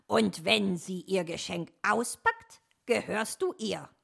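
A woman's voice: mid-range voice, takes it slowly, gravelly, a bit bright, slightly rough, full character voice. A woman voicing a sly male fox in a storybook, scheming and pleased with his own plans.

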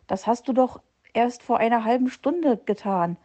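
A woman voicing a sly male fox who fakes being ill, wheedling and quick to take offence. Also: fairly high pitch, dark tone, natural voice. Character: sly scheming male fox faking illness.

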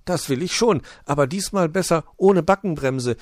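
A man's voice: fairly high pitch, normal speed, no echo, studio quality, pitched above the performer's own voice, natural voice. A man voicing a small, sporty, eager male bird in a children's storybook. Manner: cheerful, eager.

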